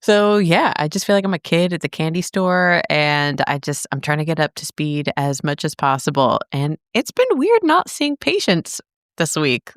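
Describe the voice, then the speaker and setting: A young woman co-hosting a podcast as a speech therapist, chatting casually and animated, with playful jumps into silly voices. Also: sits low, moderate pace, no echo, clean studio sound. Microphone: studio microphone.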